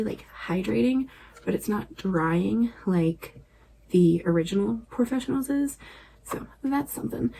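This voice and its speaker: A woman chatting casually through a makeup tutorial at home at night, relaxed and chatty, often dropping to a near-whisper. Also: a little high, gravelly, a little hiss or hum, rough recording. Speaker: beauty vlogger.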